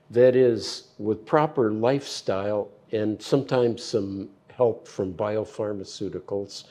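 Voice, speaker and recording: An older man, a physician, giving slow, measured explanations of health science with plain analogies in an interview. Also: fairly low pitch, darkish tone. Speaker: physician guest.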